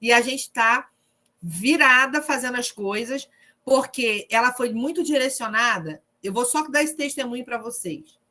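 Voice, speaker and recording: A woman's voice: on the high side, normal speed, pushed and bright. A woman leading an online discipleship group, preaching informally with humor and telling testimonies over a video call.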